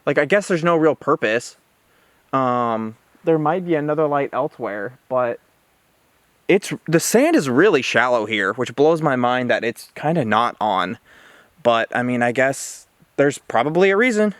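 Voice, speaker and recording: A man's voice: mid-range voice, very animated, measured pace, fairly bright tone, dry recording. Easygoing young man chatting outdoors. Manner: chatty, easygoing, with many fillers. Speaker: vlogger. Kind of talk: casual vlog narration. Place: outdoors at a campground and lighthouse.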